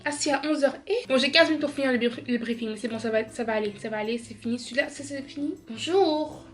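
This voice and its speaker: A young Belgian woman chats casually in a home vlog, her voice high and quick. She sounds tired yet talkative, and she keeps saying "genre."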